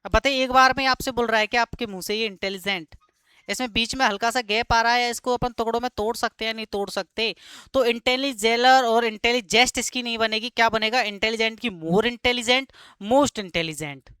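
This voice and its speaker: Bright, crisp-voiced man teaching grammar. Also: very high-pitched, fairly even intonation, no echo. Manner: keeps asking students quick check questions; repeats key words slowly for emphasis. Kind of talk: live classroom grammar lesson.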